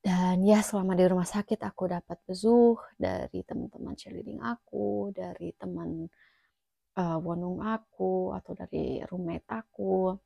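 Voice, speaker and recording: A young woman tells her own story in a relaxed vlog chat, her voice sitting a little low and sounding mellow. She fills the gaps with small hesitations and sometimes sinks to a soft near-whisper. The sound is close and dry, with no room around it. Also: unhurried, gravelly, no room sound. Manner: chatty, many fillers, drops to a near whisper at times. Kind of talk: casual personal storytelling.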